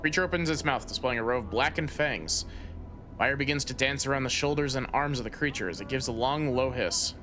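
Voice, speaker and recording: A man's voice: medium pitch, brisk, noisy background. A man streaming a fantasy game, casually reading the on-screen text aloud with hesitant fillers. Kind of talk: let's play commentary, reading game text. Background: game music.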